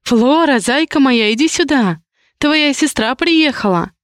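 A woman reading an audiobook plays a bubbly, exclaiming female pastry shop owner who gushes over every guest. Her voice lifts higher and brighter than the narration, smooth and clear. The sound is close and dry. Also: no echo, lightly acted. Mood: gushing. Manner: bubbly, exclaiming, drawn-out gushing. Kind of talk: audiobook character voice.

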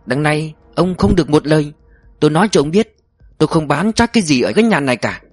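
Male reader as defiant wealthy older mother; scornful, cutting, raised pitch. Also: expressive, fast, husky, no echo, clean studio sound, faint music behind.

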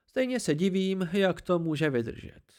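A man's voice: high voice, expressive, darkish tone, pitched above the performer's own voice. A man voicing an ancient, haughty tree-spirit oracle with a cold, dry, disdainful voice.

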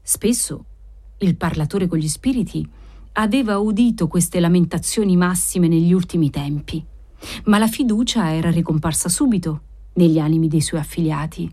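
A woman reading a novel aloud as an audiobook narrator, with an expressive delivery. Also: on the low side, normal speed.

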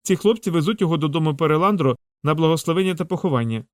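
A man voicing a shrewd old woman shopkeeper who scolds loudly and dotes on the boys. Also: a little high, lively intonation, racing, no room sound, pitched above the performer's own voice, lightly acted. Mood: outraged. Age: older. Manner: scolding, loud and doting by turns.

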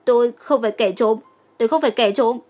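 A woman's voice: fairly high pitch, a little fast, darkish tone, soft background music, voice pushed up, natural voice. A woman voicing a frightened, tearful teenage boy in an audiobook. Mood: pleading. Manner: tearful, pleading.

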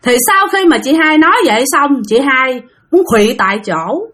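A woman narrates a spooky story, chatty and conversational. She talks straight to her listeners as she goes. Her voice sits a little high. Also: lively intonation, normal speed, a bit bright. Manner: chatty, addresses listeners directly.

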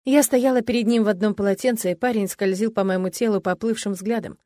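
A woman's voice: medium pitch, fairly even intonation, quick pace, dark tone, dry recording. Female audiobook narrator, first-person, intimate delivery, dry close-mic sound. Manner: intimate, emotional storytelling.

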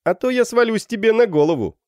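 A man voicing a brash, mischievous young male student who jeers and shouts, pitched well above his own voice and louder. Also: sing-song, normal speed, dry recording, studio quality. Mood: mocking. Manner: jeering, rowdy.

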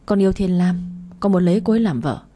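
A woman voicing a gruff older man who speaks curtly but with care. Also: lowish voice, lively intonation, fast, mellow, faint music behind, close to an everyday voice. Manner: curt.

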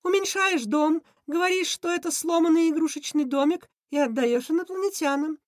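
Woman voicing Krysion, a squeaky jittery rat. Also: normal speed, dry recording, clean studio sound. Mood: scheming. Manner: nervous, excitable, shrieking. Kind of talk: audiobook character voice.

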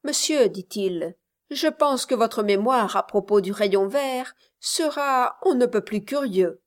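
A woman's voice: a little high, animated, slow pace. A woman voicing a wry, polite young man. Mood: ironic. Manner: ironic, polite.

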